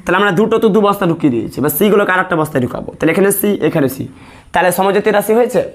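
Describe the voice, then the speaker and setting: A man's voice: high voice, lively intonation, rapid-fire. A male math teacher leading a classroom lesson, asking questions and repeating the answers step by step. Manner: repetitive call-and-response questioning.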